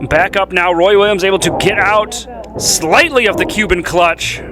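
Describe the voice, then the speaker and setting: A man giving excited, pumped live play-by-play commentary as a wrestling announcer. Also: high voice, normal speed. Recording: loud music and crowd behind commentary. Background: loud music, crowd noise.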